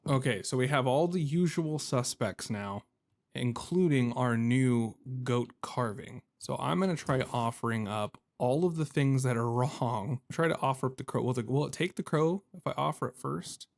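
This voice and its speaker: A video game streamer rambles through casual let's-play commentary, thinking aloud and cracking self-deprecating jokes. His voice is gravelly and mid-range, moving at a moderate pace, with game music playing behind him.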